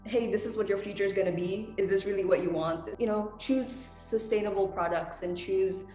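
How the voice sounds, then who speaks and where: A woman's voice: medium pitch, fairly even intonation, brisk, mellow, faint music behind. Earnest woman in a roomy space. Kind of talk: discussion.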